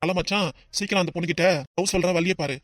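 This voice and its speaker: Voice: medium pitch, steady tone, fast, a bit bright, no room sound, clean studio sound, close to an everyday voice. A voice actor playing a boisterous, mocking young male friend with a southern Tamil Nadu accent in a cartoon. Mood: teasing. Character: loud teasing young male buddy. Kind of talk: cartoon voice acting.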